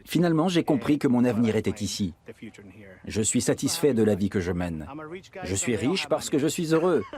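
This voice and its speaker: A man's voice: mid-range voice, big pitch swings, fairly quick, darkish tone. A man in his forties giving an earnest, heartfelt personal testimony.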